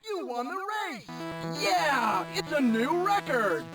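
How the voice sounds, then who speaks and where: A woman's voice: high-pitched, very animated, takes it slowly, music in the background, full character voice. A woman voicing an upbeat female race announcer in a racing game, her voice thin and tinny from odd vocal processing, cheering out announcements.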